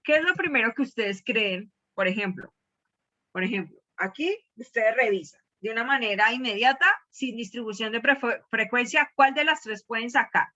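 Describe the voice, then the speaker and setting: Bright-voiced teacher, lo-fi. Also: female voice, on the high side, normal speed. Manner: questions students, repeats key words. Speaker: math teacher. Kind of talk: classroom teaching. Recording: dull lo-fi class recording.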